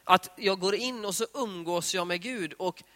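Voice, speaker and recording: A man giving a conversational devotional talk on prayer, retelling scripture scenes in lively voiced dialogue. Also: high-pitched. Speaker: preacher. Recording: long hall reverb.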